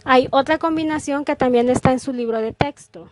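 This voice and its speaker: A woman's voice: sits high, brisk, a little hiss or hum. A woman teacher explaining a school lesson, patient and careful, working through each example step by step over her slides.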